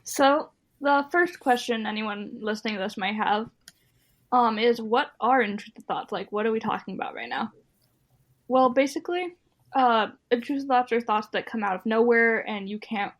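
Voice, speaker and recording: A woman's voice: a little high, moderate pace. A woman co-hosting a podcast in casual chat, reading her lines in a conversational way with fillers. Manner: conversational, reads scripted parts with fillers. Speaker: podcast co-host.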